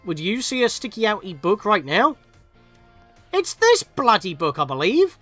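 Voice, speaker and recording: A man's voice: sits high, huge pitch swings, normal speed, fairly bright tone, no echo, faint music behind. A man giving chatty, casual commentary on a video game as he plays, reading text aloud and reacting to it. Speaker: let's play streamer.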